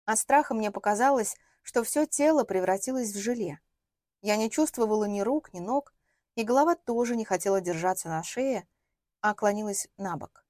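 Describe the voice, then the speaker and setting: A woman reading a first-person story aloud as an audiobook, with lively storytelling. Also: medium pitch, moderate pace, dry recording. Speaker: audiobook reader.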